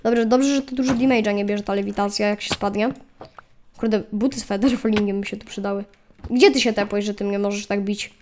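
A woman's voice: medium pitch, fairly even intonation, brisk, darkish tone, slight background noise. A woman casually commenting on her gameplay, chatting to viewers and yelping at attacking mobs. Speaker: gaming channel host. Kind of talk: casual let's play commentary.

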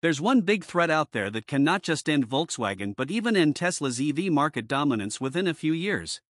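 A man's voice: a little high, dry recording, studio quality. Wry man narrating a car video. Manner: casual, wry commentary with rhetorical asides. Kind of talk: scripted voice-over narration.

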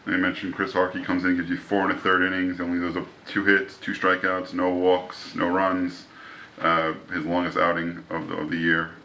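Low, flat-voiced sports interviewer. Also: male voice, moderate pace, a little hiss or hum, rough recording. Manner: reads game stats, then asks a question. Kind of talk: postgame sports interview questions.

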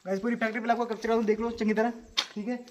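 A young man vlogging a night ghost hunt in a factory yard, calling out tensely into the dark. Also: very high-pitched, little pitch movement, very fast, roomy sound, muffled recording, very noisy.

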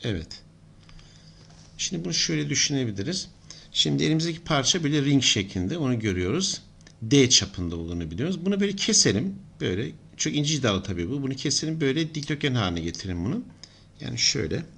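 A man's voice: mid-range voice, very animated, fast, vocal fry, fairly bright tone, husky. A middle-aged man giving an engineering lesson, explaining steadily and thinking aloud as he writes. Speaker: engineering lecturer. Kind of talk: whiteboard lesson.

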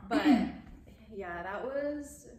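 Slow-talking young woman, echoey room. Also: medium pitch, animated, a little hiss or hum. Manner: casual, slangy, swears freely. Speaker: reaction video co-host. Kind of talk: casual chat. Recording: echoey room with music behind.

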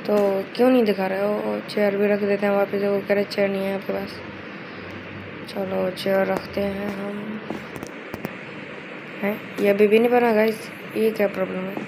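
Woman, gameplay commentator, chatty and casual, flat even delivery, noisy background. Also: mid-range voice, moderate pace, gravelly, long pauses. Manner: chatty, keeps addressing viewers as guys. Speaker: gameplay video host. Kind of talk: casual let's-play commentary. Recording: steady background noise.

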